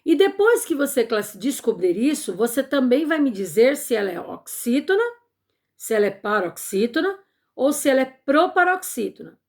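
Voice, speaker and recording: A woman's voice: sits high, very animated, moderate pace, a little mellow. A woman teacher with a Brazilian accent, patiently explaining a grammar lesson to children step by step. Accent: Brazilian Portuguese. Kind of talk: remote Portuguese lesson for children.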